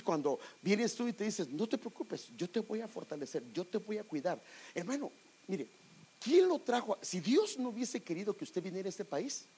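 Animated husky Guatemalan preacher man. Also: high-pitched. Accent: Guatemalan Spanish. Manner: animated, addresses listeners as brother. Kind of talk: testimony sermon.

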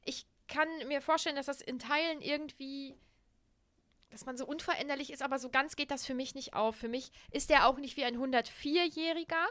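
A woman's voice: sits high, fairly quick, a bit bright. A young woman co-hosting a podcast, casually retelling a book chapter with many fillers. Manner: chatty retelling with frequent fillers. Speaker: podcast co-host. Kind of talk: casual book-discussion chat.

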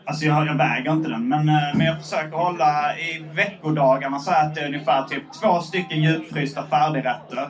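A man's voice: a little high, few pauses, far from the mic, faint music behind, poor audio. A man hosting a live podcast on stage in front of an audience, chatting with many hesitant fillers. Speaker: podcast host. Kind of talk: live podcast chat, reading listener letters. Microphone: handheld microphone.

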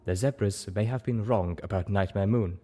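In an audiobook story, a man gives voice to a female zebra who is calm and observant, talking frankly in measured, formal phrases. His voice sits on the low side and carries a breathy edge.

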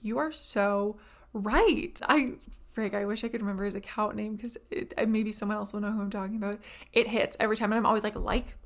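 A woman talks through her podcast in a loose, rambling way, full of "like" and side thoughts. Her voice sits in the middle range with a noticeable gravelly fry. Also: mid-range voice, flat delivery, rapid-fire. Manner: chatty, rambling, lots of "like". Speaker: podcast host. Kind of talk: casual monologue podcast.

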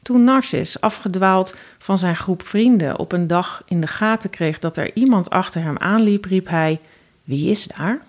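Dutch lady reading a fairy tale, calm steady narration. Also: lowish voice, normal speed, few pauses. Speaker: storyteller.

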